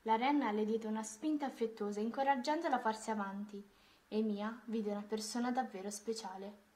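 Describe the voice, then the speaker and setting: A woman reading a children's Christmas story aloud, in a gentle, expressive way. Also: fairly high pitch, brisk.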